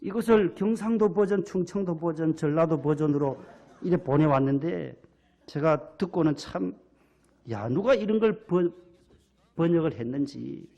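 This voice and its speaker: A man's voice: fairly high pitch, moderate pace, vocal fry, warm tone, lo-fi sound. A man preaching a sermon as pastor, folksy and playful, tossing rhetorical questions to the congregation. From Gyeongsang region, Korea.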